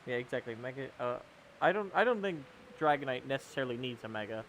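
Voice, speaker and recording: A young man of twenty talks fast and expressively while livestreaming a game, rambling, self-correcting, and replying to his viewers. His voice is medium-pitched and fairly bright. A little hiss or hum is audible.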